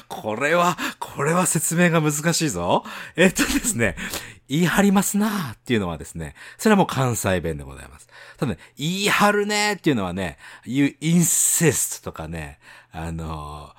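Animated, laughing man from Tohoku. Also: medium pitch, moderate pace, no room sound, clean studio sound. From Tohoku, Japan. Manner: laughs often, animated protests. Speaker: podcast co-host. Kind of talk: bilingual casual chat.

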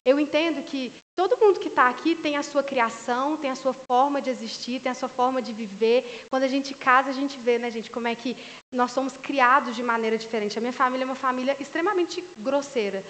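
A woman preacher giving a sermon in a relaxed, joking, conversational way at a church service. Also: high voice, a little fast, slight background noise. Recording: long reverb in a large hall.

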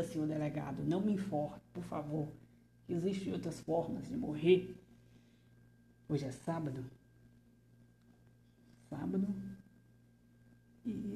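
A woman's voice: deep voice, dark tone, slight background noise. A woman playing a frightened stammering male artist. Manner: stammering, nervous, slips into whispers. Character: frightened male artist under interrogation, rambling. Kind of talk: theatrical monologue.

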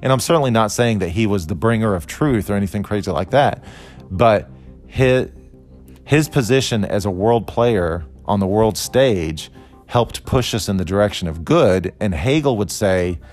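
A man's voice: lowish voice, lively intonation, normal speed, darkish tone, faint music behind. A man in his forties, from Costa Rica, explaining a philosophy idea in a thoughtful, conversational lecture with restarts and fillers. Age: 40s.

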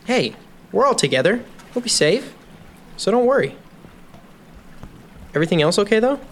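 A man's voice: sits high, big pitch swings, moderate pace, a little hiss or hum. A young man playing an earnest, reassuring teenage boy in a naturalistic drama.

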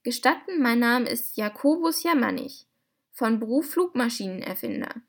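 A woman voicing a small, excitable bald male inventor who talks in an effusive, polite way. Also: a little high, normal speed. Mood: overjoyed.

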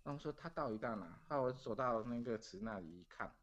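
A man's voice: mid-range voice, lively intonation, fast, a bit bright, dull audio. A middle-aged man from Taiwan. He is a podcast guest telling a story casually and earnestly, repeating phrases as he goes. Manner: earnest, repeats phrases while recounting events.

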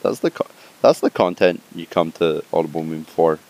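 A man's voice: low voice, moderate pace, vocal fry, darkish tone, rough recording. A young man co-hosting a casual streamed chat, bantering and self-mocking. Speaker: podcast co-host.

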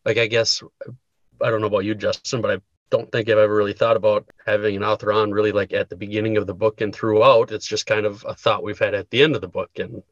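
Hesitant co-host on a dull, lo-fi mic. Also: male voice, lowish voice, level tone, fast talker, no echo. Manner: hesitant, many ums and restarts. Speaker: podcast co-host. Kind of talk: casual chat. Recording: dull, lo-fi, dry sound.

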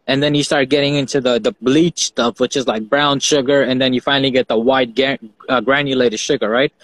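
A man's voice: medium pitch, fairly bright tone, no echo, poor audio. A man from Fiji hosting a casual chat, rambling and repeating words as he talks, swearing now and then. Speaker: host.

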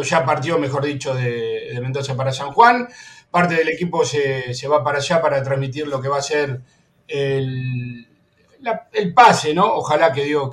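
A man with an Argentine accent hosting a sports talk radio show, animated and mocking, laughing often and giving orders to the control room. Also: on the high side. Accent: Argentine Spanish.

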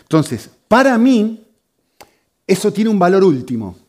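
A man preaching a teaching sermon, explaining briskly and checking in with the listeners again and again. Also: high voice, sing-song, a little mellow. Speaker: pastor.

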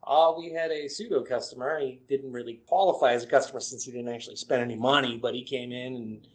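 A man's voice: medium pitch, steady tone, quick pace. A man co-hosting a podcast who tells a rambling anecdote in casual chat, full of "uh" and "I says". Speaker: podcast co-host and museum staffer. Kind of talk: casual storytelling.

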